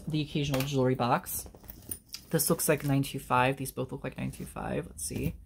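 Young woman reseller vlogging, kinda low voice, gets super excited and giggly. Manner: excitable, gushing, laughs often, says y'all. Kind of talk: casual unboxing vlog.

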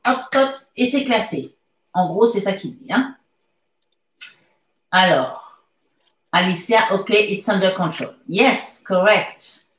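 A woman leads a live English lesson at an unhurried pace, stopping often to read her viewers' chat answers aloud and comment on them. Her voice is mid-pitched and carries a roomy echo. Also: expressive. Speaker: English teacher. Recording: echoey room sound.

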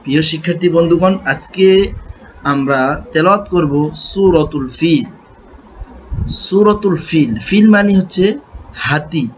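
A man teaching Quran recitation, chanting verses melodically and then explaining pronunciation in quick speech. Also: a little high, a little hiss or hum. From Bangladesh.

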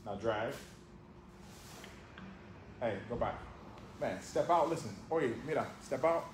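A man's voice: medium pitch, lively intonation, slow. A man coaching judo in a large gym, calling short commands and repeating cues. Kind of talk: hands-on coaching. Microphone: camera on the floor. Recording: echoey gym with background noise.

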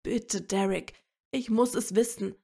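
A woman reading aloud as an eager eighteen-year-old man who pleads softly and breathily. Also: medium pitch, fairly even intonation, a little slow, gravelly. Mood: soft pleading.

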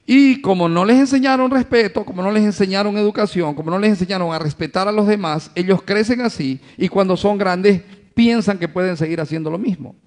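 A man's voice: high-pitched, brisk, darkish tone. A male pastor preaching a sermon to his congregation, addressing them as brothers, asking rhetorical questions and acting out everyday family scenes.

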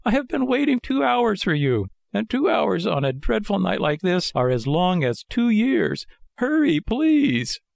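A man's voice: high-pitched, very animated, moderate pace, no echo, studio quality, voice pushed up. A man voicing an impatient, dramatic wooden marionette boy from a storybook, pleading and exclaiming. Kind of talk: storybook character voice.

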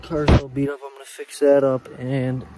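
A man's voice: medium pitch, level tone, moderate pace. Young man vlogging casually over background noise. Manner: slangy, lightly swearing, thinking aloud. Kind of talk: casual vlog talk to camera. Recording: clear background noise, handheld vlog recording.

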